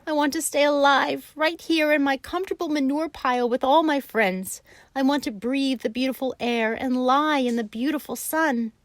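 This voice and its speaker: A woman voicing a frightened young male pig who wails and pleads in a high, loud voice while reading a storybook aloud. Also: sing-song, moderate pace, no echo, full character voice. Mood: panicked. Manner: shrill, sobbing pleas.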